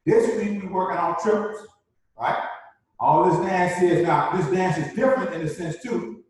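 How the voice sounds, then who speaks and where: A man's voice: sits high, moderate pace. A man teaching a live online dance class, repeating key points and checking in with "right?" as he explains. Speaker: dance instructor. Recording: very echoey room, distant mic.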